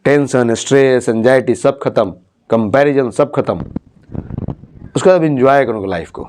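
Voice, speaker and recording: A man's voice: medium pitch, moderate pace, darkish tone, slight background noise. A man teaching and counseling a student, talking encouragingly and checking her understanding with questions. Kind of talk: motivational talk to a student.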